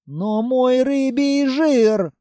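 A man's voice: very high-pitched, drawn-out words, warm tone, no room sound, studio quality, voice pushed up, full character voice. A man voicing a timid, fussy young male theorist who whines and frets. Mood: fretful. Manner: whiny, fretful.

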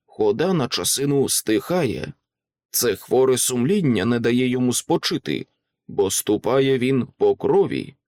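A man voicing a frightened, loyal older male butler who speaks in a hushed, uneasy way. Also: mid-range voice, no room sound, clean studio sound.

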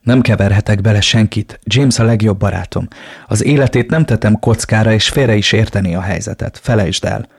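A man reading a novel aloud in first person, with a steady storytelling manner. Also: lowish voice, gravelly, slightly rough, no room sound, clean studio sound. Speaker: audiobook reader.

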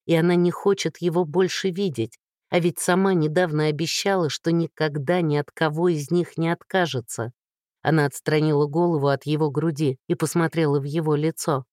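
A woman narrating an audiobook, reading at a slow, measured pace. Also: deep voice, darkish tone, dry recording, clean studio sound. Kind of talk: scripted narration.

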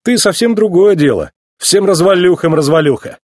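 A man playing a cocky young race car, eager and a little full of himself, his words coming quick and keen. The voice is pitched high and lively, with a husky grain, and it sounds dry and close. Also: no echo. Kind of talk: storybook reading.

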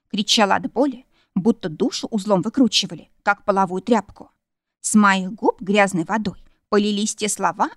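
A woman's voice: mid-range voice, no room sound, clean studio sound. A woman narrating a first-person audiobook with vivid, emotional delivery.

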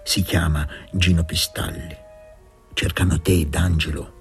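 Man voicing a low, contemptuous tough young man. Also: level tone, unhurried, soft background music.

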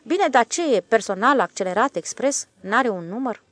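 A woman's voice: a little high, animated, no room sound, pitched above the performer's own voice. A woman voicing a talkative, deferential male railway switchman in an audiobook, speaking eagerly. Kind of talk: audiobook character voice.

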